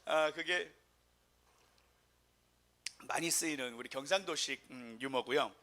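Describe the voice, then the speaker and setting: A man's voice: mid-range voice, unhurried, bright, forceful tone. A man preaching a sermon as pastor, in a humorous, chatty way with the congregation.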